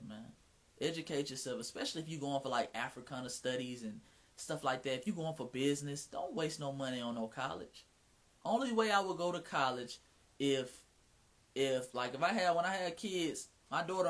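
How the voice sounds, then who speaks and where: A man's voice: mid-range voice, a bit bright. A man from Atlanta with a Southern Mississippi twang, hosting his own livestream in frank, slangy casual chat. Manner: slangy, frank, drops profanity, many restarts.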